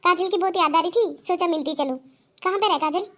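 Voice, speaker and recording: A woman's voice: very high-pitched, fairly quick, a bit bright. Woman voicing a lecturing cartoon mother. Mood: cheerful. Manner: lecturing, scolding. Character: middle-aged mother, firm and lecturing. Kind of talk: cartoon voice acting.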